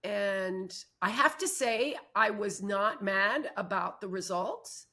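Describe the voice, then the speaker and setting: A woman's voice: mid-range voice, takes it slowly, sharp tone. A woman co-hosting a casual chat, speaking candidly from her own experience. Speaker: co-host.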